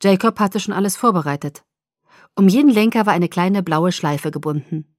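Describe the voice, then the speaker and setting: A woman narrating a novel in the first person with a lively, expressive delivery. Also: on the low side, normal speed, no room sound, studio quality. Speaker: audiobook narrator.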